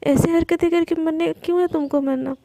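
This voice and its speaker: A strict, caring young woman scolds and lectures in a spoken love story, as a woman puts her on. Her voice is high and mellow, with a touch of fry. The sound is dry. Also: fairly even intonation, brisk, no echo. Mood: scolding. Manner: scolding, stern.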